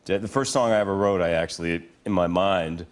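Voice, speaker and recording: A man in a casual interview, relaxed and fond while looking back. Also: sits low, a little fast. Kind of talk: casual chat.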